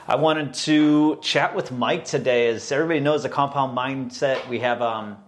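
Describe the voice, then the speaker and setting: A man's voice: medium pitch, moderate pace. A man with a Boston accent hosting a podcast in a casual, conversational style. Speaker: podcast host.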